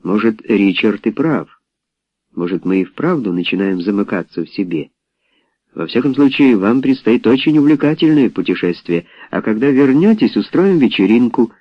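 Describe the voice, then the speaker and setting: Mary, a man voicing a quiet timid woman. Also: on the low side, sing-song, moderate pace, no room sound. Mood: gentle. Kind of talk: audiobook character voice. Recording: dull lo-fi audiobook recording.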